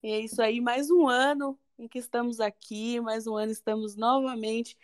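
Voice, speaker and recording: A woman's voice: fairly high pitch, fairly even intonation, normal speed. A woman with a Brazilian Portuguese accent commenting on a sports podcast, cheerful and friendly. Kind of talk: casual sports podcast chat.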